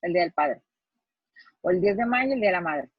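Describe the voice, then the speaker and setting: A woman's voice: fairly low pitch, lively intonation, a little fast, breathy edge, dry recording, muffled recording. A middle-aged woman from Mexico, a psychologist, giving an earnest, explanatory lecture to students and acting out the phrases she quotes.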